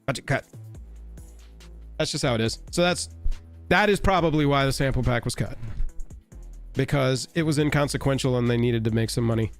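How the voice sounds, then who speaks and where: Raspy-voiced sick man, wry live-stream host. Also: mid-range voice, brisk, soft background music. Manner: rambling, wry and offhand. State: sick, hoarse. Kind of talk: casual live-stream chat.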